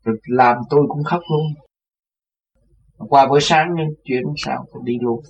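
A man's voice: mid-range voice, fairly even intonation, moderate pace, creaky. A man, a religious teacher recounting his life in a rambling way and repeating words. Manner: rambling, repeats words, acts out others' voices. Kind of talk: casual spoken recollection. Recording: distant, dull mic with faint noise.

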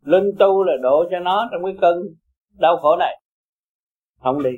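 A man teaching Buddhism in a high, carrying voice. He talks bluntly and emphatically, pushing and coaxing his listeners by turns. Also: a little slow, darkish tone, husky, low-quality recording. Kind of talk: blunt Dharma talk to followers.

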